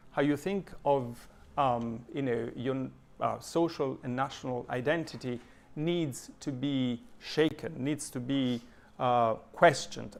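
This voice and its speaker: A man from southern Italy with an Italian accent giving an adult education lecture, thoughtful, pausing often with fillers and restarting his sentences as he reads and explains quotations. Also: medium pitch, vocal fry.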